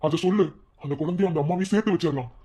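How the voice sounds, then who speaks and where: A man's voice: a little high, racing, warm tone, husky. An actor playing a husband who angrily scolds his wife, then pleads with her. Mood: pleading. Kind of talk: TV serial dialogue.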